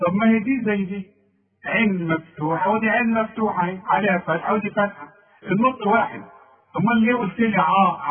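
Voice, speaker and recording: A man with an Egyptian accent teaching Quran recitation rules, correcting a student and repeating sounds slowly. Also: sits high, slightly rough. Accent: Egyptian Arabic. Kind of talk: tajweed lesson. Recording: tinny phone-like audio.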